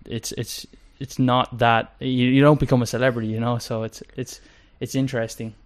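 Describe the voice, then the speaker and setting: Relaxed male podcast host. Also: mid-range voice, normal speed. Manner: easygoing, teasing questions. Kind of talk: casual interview chat.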